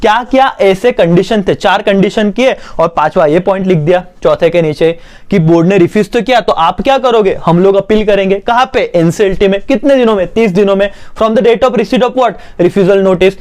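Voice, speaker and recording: A man teaching a commerce exam-prep lesson, who dictates slowly and then explains quickly. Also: high voice, a little mellow.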